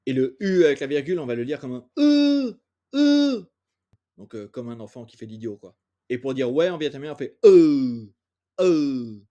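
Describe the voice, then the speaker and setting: Lively-voiced male language teacher. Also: medium pitch, highs cut off. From France. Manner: patient, sounds out each vowel slowly and repeats it. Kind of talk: explaining pronunciation in a lesson.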